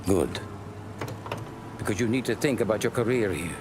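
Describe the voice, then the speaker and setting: An actor playing a calm, measured male mob advisor in a game, giving orders in an even, instructive way. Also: fairly low pitch, music in the background, natural voice.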